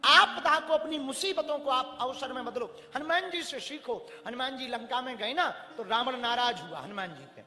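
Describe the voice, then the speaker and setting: A man preaching a devotional sermon in a lively way, telling stories, asking rhetorical questions and urging the audience to call out answers. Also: extremely high pitch, moderate pace, few pauses, reverberant, big-room sound. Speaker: religious preacher.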